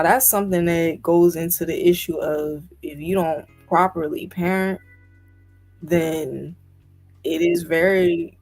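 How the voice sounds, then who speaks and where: A woman's voice: lowish voice, gravelly, a little mellow, slightly rough. A woman co-hosting a podcast discussion, talking emphatically and firing off incredulous rhetorical questions. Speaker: podcast co-host. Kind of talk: casual discussion.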